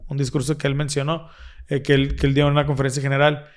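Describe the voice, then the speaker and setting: A man's voice: mid-range voice, completely flat delivery, fast. A man co-hosting a casual religious discussion, explaining earnestly and restarting his phrases often. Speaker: podcast co-host.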